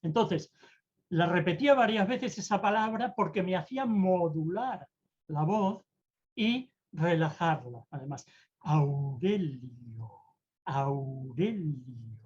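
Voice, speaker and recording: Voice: medium pitch, animated, muffled recording. Theatrical speaker. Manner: theatrical, deliberately varies tone and pace. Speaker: presentation-skills mentor. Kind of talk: online talk on public speaking.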